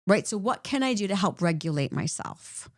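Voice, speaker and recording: A woman's voice: mid-range voice, moderate pace, no room sound, clean studio sound. Woman explaining with "right?" checks. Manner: animated, repeats points with "right?". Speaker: clinician podcast co-host. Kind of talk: conversational explanation.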